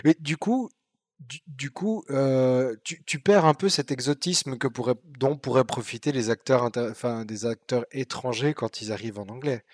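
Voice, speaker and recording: A man interviewing a guest, talking at a mid pitch. He stumbles and restarts as he builds long questions. The sound is dry and close. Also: moderate pace, a little mellow, dry recording. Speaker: interviewer, podcast host. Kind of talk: casual interview chat.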